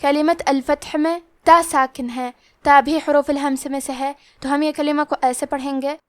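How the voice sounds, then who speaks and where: A woman teaching Quran recitation rules, explaining plainly and then reciting the verses slowly and drawn out. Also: sits high, fairly even intonation, no echo. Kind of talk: tajweed lesson with slow recitation.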